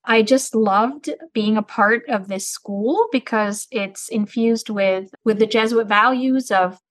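A middle-aged Turkish woman who serves as a business school dean answers interview questions in a measured, articulate, explanatory manner. Her voice is on the high side, with no echo in the recording.

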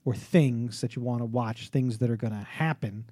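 A man's voice: mid-range voice, normal speed, dark tone, no echo, studio quality. A man hosts a radio show in loose, bantering talk, often repeating his own phrases.

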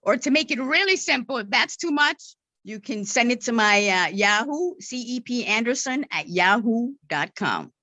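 Her voice is fairly high, bright and forceful, with lively intonation at normal speed and no room sound. The marketing and media relations director is a podcast guest giving interview answers, explaining patiently through stutters, repeated words and frequent "right?" tags.

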